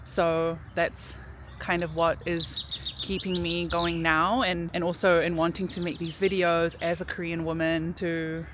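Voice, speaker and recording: A woman talks through her personal story in a relaxed, reflective way, dropping plenty of casual fillers. She records outdoors in a city park, with faint traffic behind her. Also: lowish voice, a little slow. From New Zealand. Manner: reflective, chatty, frequent "like" fillers. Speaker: vlogger.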